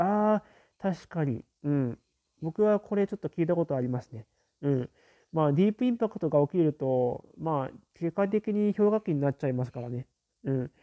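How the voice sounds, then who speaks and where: A man's voice: on the high side, mellow, dull audio. A man in a casual live stream, reading viewer comments aloud and musing on them, with many fillers and murmured acknowledgements.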